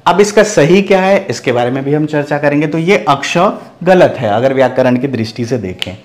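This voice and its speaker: A man from Bihar teaches an online grammar lesson, his voice sitting a little high for a man. He walks through each point methodically, posing rhetorical questions and checking in with a frequent "okay". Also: animated, normal speed. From Bihar, India. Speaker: Hindi teacher.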